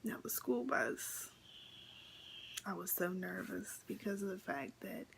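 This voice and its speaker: A young woman vlogger telling a story casually to the camera, chatty and excited, with many fillers and repeats, often half-whispering. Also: mid-range voice, creaky.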